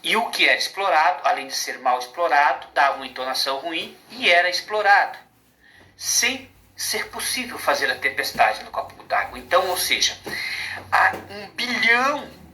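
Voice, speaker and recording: Brazilian man, fairly high voice, rambling spiritual talk with rhetorical questions, echoey room. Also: lively intonation, moderate pace, bright, forceful tone. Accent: Brazilian Portuguese. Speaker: spiritual speaker. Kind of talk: informal spiritual monologue. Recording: roomy echo.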